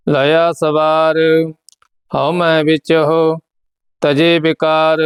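A man, teaching scripture by reciting each phrase slowly and evenly, then pausing to explain how it is pronounced. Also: on the high side, clean tone. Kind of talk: slow line-by-line scripture recitation lesson.

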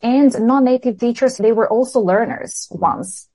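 A woman's voice: on the high side, measured pace, warm tone, low-quality recording. A woman from Serbia who speaks English as a second language, an English teacher explaining her views earnestly in a podcast interview.

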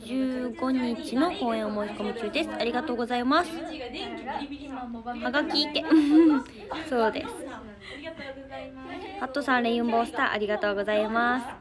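Teen girl, Kansai accent, fairly high voice, livestream chat host reading comments, loud crowd noise behind. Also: normal speed. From Japan. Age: teens. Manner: chatty, thanks viewers often, giggles.

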